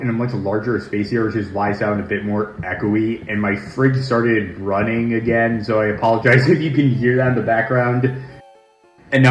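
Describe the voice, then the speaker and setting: A man giving casual, joking gameplay commentary as a let's play host, recorded in a large, echoey room at home. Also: on the low side. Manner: joking, chatty asides.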